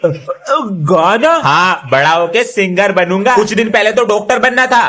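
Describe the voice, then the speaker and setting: Young man, high voice, bright and forceful, comic skits, switches between kid and elder voices. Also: moderate pace. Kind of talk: comic skit acting.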